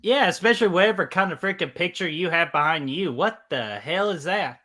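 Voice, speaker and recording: A man co-hosting a casual podcast in a joking, cursing way. His voice is somewhat high, with a bright, forceful edge. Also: animated, fairly quick. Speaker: podcast co-host.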